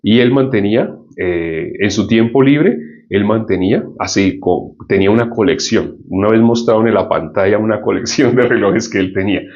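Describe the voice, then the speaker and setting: A man's voice: on the low side, normal speed, darkish tone. A man preaching a sermon, often asking the audience questions and repeating points for emphasis. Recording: dull lo-fi sound.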